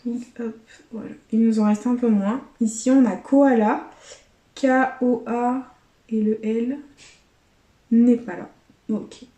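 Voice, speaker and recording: A woman's voice: fairly high pitch, steady tone, slow pace, pauses often, dark tone. Chatty lady youtuber scratching tickets, kinda echoey room, talks to her viewers like friends. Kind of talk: casual running commentary.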